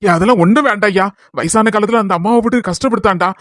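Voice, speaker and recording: A man voicing a gentle, fussing elderly father in a cartoon, with a Kanyakumari Tamil accent. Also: sits high, quick pace, no room sound, studio quality, pitched below the performer's own voice. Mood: fond. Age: older. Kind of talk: cartoon voice acting.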